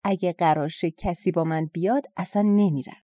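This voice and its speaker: A woman's voice: lowish voice, fairly even intonation, mellow, no echo, studio quality, natural voice. A woman voicing a headstrong, proud young bride in a storybook folktale, speaking in a brash, dismissive way. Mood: haughty, defiant.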